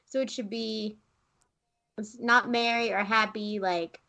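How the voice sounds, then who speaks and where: Young woman co-host, bright higher voice, playful, laughs a lot, casual podcast banter. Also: steady tone, measured pace. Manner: playful, laughs often, jokey wordplay. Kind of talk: casual chat.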